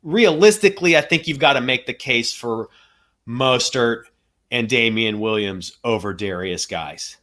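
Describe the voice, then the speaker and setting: A man's voice: medium pitch, a little slow, pushed and bright. Methodical podcast co-host, man. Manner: methodical, runs through stats and contract figures; hedging, thinks aloud with "you know". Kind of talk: casual sports analysis chat.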